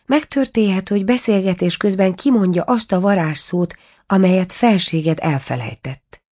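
A woman's voice: medium pitch, a little mellow, pitched above the performer's own voice, natural voice. A woman voicing a sorrowful princess turned into an owl in a storybook reading, plaintive and pleading.

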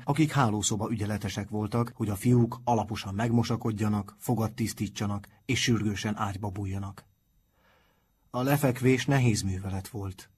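A man with a husky voice narrating a children's book in a calm, steady storytelling manner. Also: fairly low pitch. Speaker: audiobook narrator. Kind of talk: scripted narration.

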